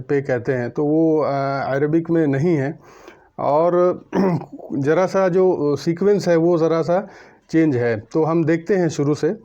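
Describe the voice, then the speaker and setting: A man giving a lecture on Arabic letters, pausing often with fillers and reciting letters slowly. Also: a little high, warm tone, lo-fi sound. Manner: many hesitation fillers, mixes English terms. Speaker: Arabic grammar teacher.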